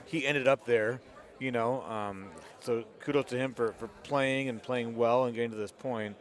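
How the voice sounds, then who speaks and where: A man's voice: medium pitch, steady tone, moderate pace. A man giving casual live golf commentary, talking conversationally through a tournament shot by shot.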